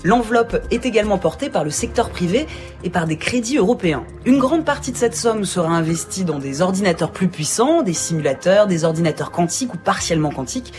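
Animated woman reading radio science briefs. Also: on the low side, brisk, faint music behind. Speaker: radio science news reporter. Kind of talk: scripted news briefs delivered conversationally.

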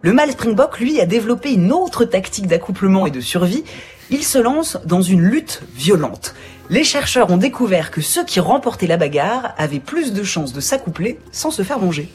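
Female science news reporter, lively intonation, conversational scripted briefs over a music bed. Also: mid-range voice, brisk, few pauses.

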